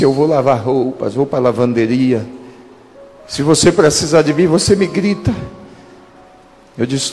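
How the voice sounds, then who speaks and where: A man in his thirties, a pastor, giving a dramatic testimony and slowing down for quoted speech. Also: medium pitch, darkish tone. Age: 30s. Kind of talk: testimony sermon. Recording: reverberant hall with music behind.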